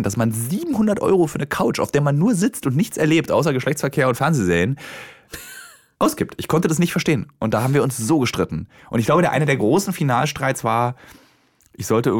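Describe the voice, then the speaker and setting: Chatty man telling a personal story. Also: medium pitch. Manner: self-deprecating, lots of fillers and restarts. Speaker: podcast guest.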